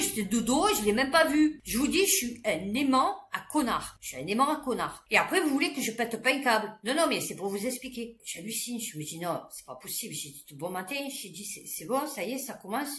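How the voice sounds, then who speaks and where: Fairly high-voiced woman ranting on her vlog, slangy and loud, lots of laughing. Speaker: vlogger. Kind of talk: casual ranting monologue. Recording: roomy echo.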